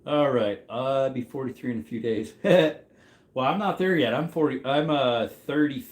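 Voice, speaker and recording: Man, mid-30s, casual stream host, mid-pitched, rambling chatter, echoey room. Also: normal speed. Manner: rambling, reacts to chat as he goes. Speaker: livestream host running trivia. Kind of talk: casual livestream chat.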